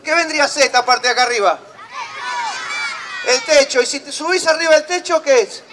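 Very high-voiced Argentine man, outdoor crowd. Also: a little fast. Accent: Rioplatense Argentine Spanish. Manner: playful, teasing banter with children. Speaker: puppeteer and workshop teacher. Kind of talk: teaching a puppetry workshop, then hosting a children's puppet show. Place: outdoor town square. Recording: outdoor crowd and street noise.

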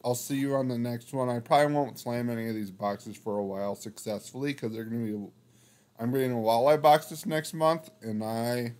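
Young male fishing vlogger, casual voice-over, rambling, mid pitch. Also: darkish tone. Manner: rambling, with frequent restarts over product names. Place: outdoors on a frozen lake, windy.

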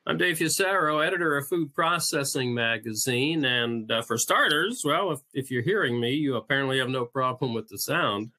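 A man's voice: medium pitch, animated, moderate pace, few pauses, bright, forceful tone. A man, a magazine editor, opening and hosting a webinar with a scripted introduction and a light joke now and then.

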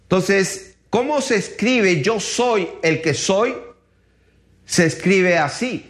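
A man giving a Bible teaching, reading scripture aloud and explaining it with many pauses. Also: high voice, expressive. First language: not Hebrew.

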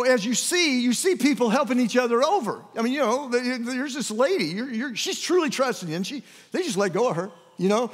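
A man's voice: very high voice, fairly bright tone. A man preaching as a pastor, telling a folksy story full of asides. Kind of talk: sermon. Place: large church hall. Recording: long reverb of a church hall.

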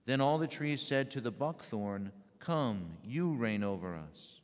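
A man leading a church service as priest, reciting prayers and readings in a measured, solemn way. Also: mid-range voice, animated. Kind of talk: liturgical recitation. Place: large church. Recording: echoey church hall.

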